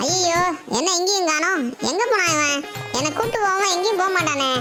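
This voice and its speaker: An adult voicing a cheeky, mischievous little boy in a game role-play, chatty and quick to scold, with loud game music behind. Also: very high voice. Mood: grumbling.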